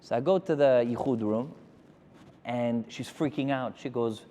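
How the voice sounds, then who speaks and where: A man, a rabbi, giving a Torah lecture to his congregation and telling stories with animated energy. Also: medium pitch, unhurried, big-room sound, a little hiss or hum. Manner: animated storytelling, addressing the crowd directly.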